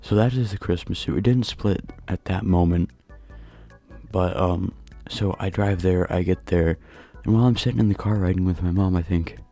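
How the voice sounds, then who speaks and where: A young man telling a casual storytime, keeping his voice down in a dark room at night. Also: low-pitched, moderate pace, soft background music. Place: dark bedroom at home. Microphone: new home mic.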